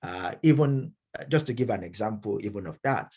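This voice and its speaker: A middle-aged man with a Nigerian accent, giving a measured academic lecture with frequent fillers and restarts. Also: on the low side, animated, dark tone, breathy edge. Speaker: Baptist minister and speaker.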